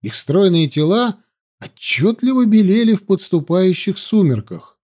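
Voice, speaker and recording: Male storyteller, expressive narration, warm dark tone, animated delivery. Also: sits high, measured pace. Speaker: audiobook narrator. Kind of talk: scripted narration.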